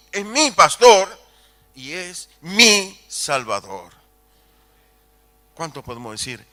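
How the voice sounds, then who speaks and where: An older man in his sixties preaches a sermon in a very bright, sharp voice that swings widely in pitch. He speaks slowly and with emphasis, repeats key phrases, and puts rhetorical questions to the congregation. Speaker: pastor.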